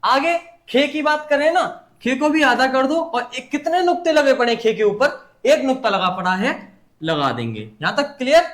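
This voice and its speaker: A young man teaching a writing lesson at a board, patiently asking and answering his own questions. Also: extremely high pitch. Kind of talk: whiteboard lesson.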